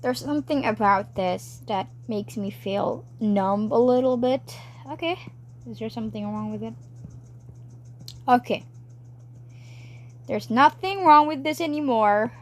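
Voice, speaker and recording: A woman talking to herself while animating on a tablet, rambling, cheering herself on and breaking into excited outbursts. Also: fairly high pitch, measured pace, long pauses, a little hiss or hum. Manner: rambling, self-encouraging, chatty with sudden excited outbursts. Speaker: animator narrating her work. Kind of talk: casual talk while drawing.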